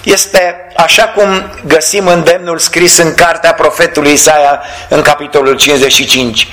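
A man preaches with fervor, his voice pitched high. The tone is bright and forceful. He lifts his lines into exclamations and slows right down on the words he wants to land. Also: steady tone, poor audio. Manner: fervent, exclamatory, stretches key words slowly. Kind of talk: sermon.

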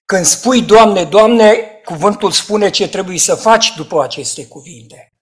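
A man preaching a sermon in an emphatic way, rising to loud outcries and dropping to hushed asides. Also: high-pitched.

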